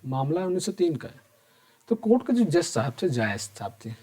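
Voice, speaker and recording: Here a slightly high but dark-toned male voice leads an accounting class aimed at exam preparation. He chats straight at the students, firing questions he then answers on his own, and repeats what matters most.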